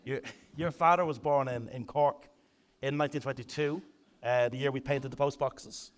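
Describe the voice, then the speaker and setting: A man's voice: mid-range voice, fairly even intonation, moderate pace. A man hosting a live stage interview, joking wryly and chuckling at his own remarks. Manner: jokey, wry, chuckles at his own lines. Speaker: podcast host, interviewer.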